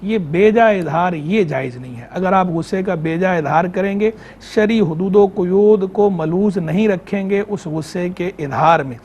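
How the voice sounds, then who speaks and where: A man Islamic scholar on a live call-in show, explaining religious rules in a measured way and repeating key terms. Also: high-pitched, a little mellow, slight background noise. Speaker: Islamic scholar answering on air. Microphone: remote line into studio.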